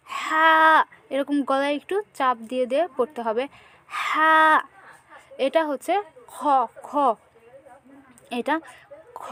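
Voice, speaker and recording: A woman's voice: high-pitched, a little hiss or hum. A woman teaching Quran letter pronunciation step by step, patiently repeating each sound for beginners to follow. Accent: Bangladeshi Bengali.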